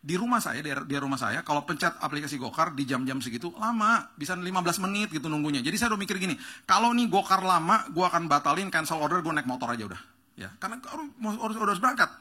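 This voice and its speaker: A man pastor telling a story in a sermon, acting out the dialogue with rising excitement. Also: a little high, quick pace. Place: church stage.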